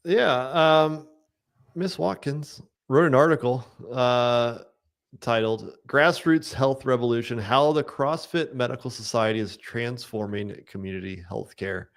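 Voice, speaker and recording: A medium-pitched man speaks unhurriedly as a podcast co-host, plainly recounting articles and reading out comments. The chat is casual, and he says "um" a lot.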